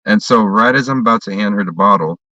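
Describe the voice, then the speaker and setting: A man's voice: lowish voice, fast talker, sharp tone, dry recording. A man in a casual chat, telling a story in a heated, profane way, heard from a distance on a dull recording.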